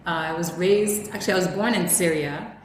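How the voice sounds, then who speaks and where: A woman's voice: lowish voice, a little fast, a crowd in the background. A Ghanaian woman in her thirties, chatting casually as an interview guest and laughing often between filler words. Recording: roomy echoey room with faint ambience.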